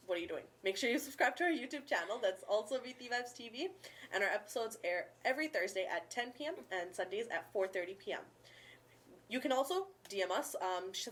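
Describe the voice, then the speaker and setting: Young woman host, casual and mid-pitched. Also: a bit bright. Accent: anglicized. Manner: informal, youthful slang. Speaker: show host. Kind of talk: casual chat.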